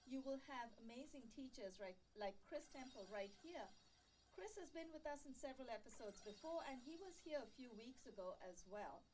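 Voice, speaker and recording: A woman hosting a yoga show in a TV studio, chatting warmly and encouraging viewers, laughing easily. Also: high-pitched, expressive, moderate pace, recorded from a distance, slight background noise. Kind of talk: friendly studio chat.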